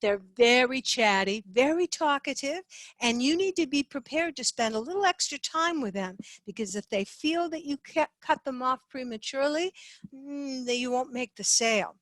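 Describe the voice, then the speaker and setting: A woman with a fairly high voice presents a sales lesson from a slideshow. She talks in a lively, animated way and now and then swoops her voice up and down to show inflection. The sound is dry and close, from a computer mic. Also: moderate pace, no room sound. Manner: lively, sings phrases up and down to demonstrate inflection. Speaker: sales trainer.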